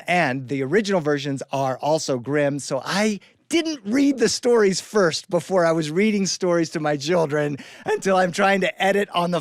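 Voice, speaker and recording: A man telling a fairy tale in a lively, animated style, with spoken sound effects. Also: a little high, no room sound, clean studio sound. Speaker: storyteller. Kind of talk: animated storytelling performance.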